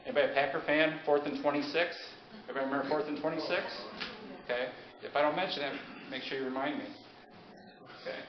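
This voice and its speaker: A pharmacist giving an informal public lecture, chatty and often checking in with the audience. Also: male voice, fairly high pitch, steady tone, quick pace, a crowd in the background. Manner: chatty, asks the audience questions. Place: meeting room with an audience. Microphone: handheld mic. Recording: echoey, dull, noisy room recording.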